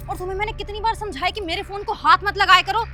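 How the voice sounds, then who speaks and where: A woman's voice: extremely high pitch, fairly even intonation, very fast, pushed and bright, soft background music, exaggerated voice. A woman acting as a hot-tempered wife in a short drama, scolding her husband and later begging him to stay. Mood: angry scolding. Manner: scolding, then pleading. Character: hot-tempered young wife, proud then pleading. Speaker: angry wife. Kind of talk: scripted web short drama.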